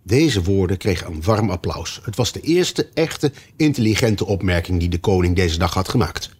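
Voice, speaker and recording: Husky, expressive male storyteller. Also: sits low, moderate pace. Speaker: audiobook narrator. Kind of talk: scripted narration.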